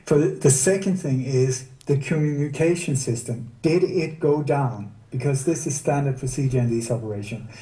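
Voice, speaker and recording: A man speaks at an average pitch with a very dark, mellow tone, sounding well back from the microphone. His voice carries a noticeable room echo. He talks as a guest in a casual interview, often poking at his subject with sarcastic rhetorical questions. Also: normal speed. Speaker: guest researcher. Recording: distant roomy mic.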